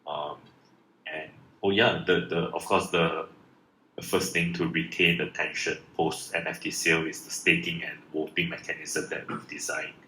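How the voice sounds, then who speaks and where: A deep-voiced man from Malaysia fields questions in a loose live Q&A, stalling on "um" and restarting his sentences. His tone is bright and forward. The audio has a roomy echo and faint background noise. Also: level tone, normal speed. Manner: hesitant, many fillers and restarts. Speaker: project founder. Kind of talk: casual live Q&A answers. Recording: echoey room with faint noise.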